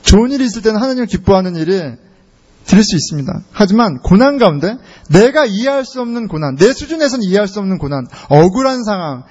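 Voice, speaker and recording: A man preaching a sermon as a pastor, retelling a story with animated rhetorical questions to his congregation. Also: sits high, fast talker, breathy edge. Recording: dull lo-fi sound in a long-reverb hall.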